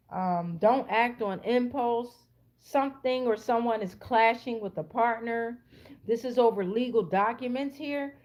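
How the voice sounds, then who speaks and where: A somewhat high, darkish voice belongs to an American woman who hosts a channel as a tarot reader. She improvises a casual, streetwise reading for her online audience, profane and blunt, circling back to phrases to drive them home.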